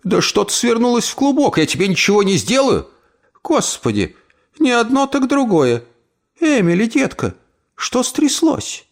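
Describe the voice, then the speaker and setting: A man reading aloud, voicing a feisty, sharp-tongued old woman who scolds and exclaims. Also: high voice, big pitch swings, a little slow, vocal fry, pitched above the performer's own voice, heavily acted. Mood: alarmed.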